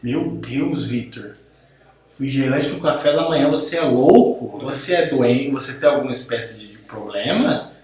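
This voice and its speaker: A man's voice: mid-range voice, lively intonation, normal speed, a little mellow. Teasing man, very echoey room. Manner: teasing, exasperated, mock-dramatic. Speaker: podcast co-host. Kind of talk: casual podcast banter. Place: podcast recording room.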